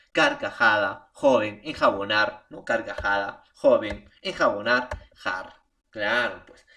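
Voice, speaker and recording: Male Peruvian teacher, lively remote lesson delivery, gravelly, slightly distant mic. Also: medium pitch. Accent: Peruvian Spanish. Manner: animated, repeats "profesor" and "¿no?" as tags. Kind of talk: recorded remote language lesson.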